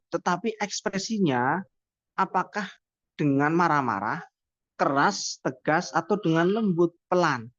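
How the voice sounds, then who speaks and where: Delivering a classroom lecture at a university, a man talks conversationally and answers the rhetorical questions he raises. His voice is a bit high, and the lo-fi recording sounds dull and dry with no room sound.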